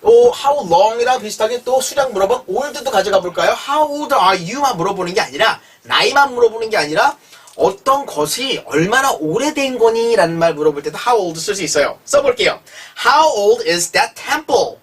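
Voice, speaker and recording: An English teacher giving a chatty language lesson, reading example sentences slowly and clearly before translating them, with frequent prompts to the learner. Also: medium pitch, expressive. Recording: voice a little distant from the mic.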